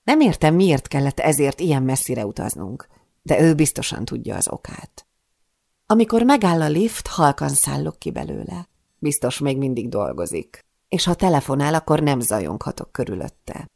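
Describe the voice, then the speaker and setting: Woman reading a thriller audiobook, dramatic and breathless, super gravelly creaky voice, dry close sound. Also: low-pitched, sing-song, a little mellow, dry recording. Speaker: audiobook narrator. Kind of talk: first-person audiobook narration.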